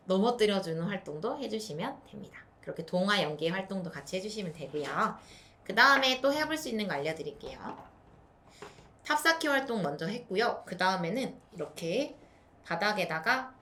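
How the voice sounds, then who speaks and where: A young woman teaching parents play activities for small children, switching into a bright sing-song voice when acting out what to say to a child. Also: mid-range voice, sing-song, normal speed, a little hiss or hum. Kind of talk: instructional video for parents.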